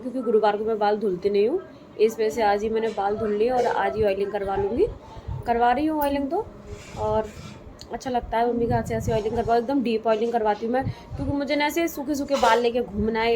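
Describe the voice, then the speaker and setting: A young woman vlogs her day at home and chats to viewers as she explains each chore. Her voice sits a little high. The phone recording carries clear household noise behind her. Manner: chatty, explains her daily routine to viewers. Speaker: family vlogger. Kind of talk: casual home vlog narration. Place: family home, indoors and yard.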